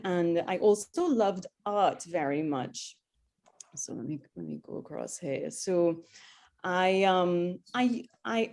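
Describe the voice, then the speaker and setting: A Trinidadian woman in her 30s, an airline pilot appearing as a guest on a video call, tells her life story in a chatty way full of ums and restarts. Her voice sits on the low side with a darkish tone.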